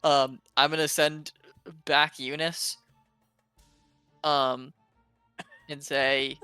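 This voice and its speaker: A man at a tabletop game with a bright, crisp, fairly high voice, recorded close and dry. He talks eagerly and thinks aloud, often restarting his sentences. Faint music sits underneath. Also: little pitch movement, very slow, no room sound. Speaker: player. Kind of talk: casual tabletop game talk.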